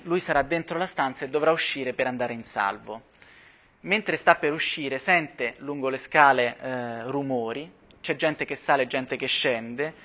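A man at a workshop reading a novel aloud and commenting on it, slowing down for tense passages. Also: medium pitch, bright, forceful tone.

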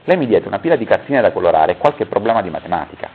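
A man's voice: on the low side, big pitch swings, racing, a little hiss or hum. A man reading a story aloud at a public talk, stopping now and then to correct his own misreadings. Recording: tinny phone-like recording.

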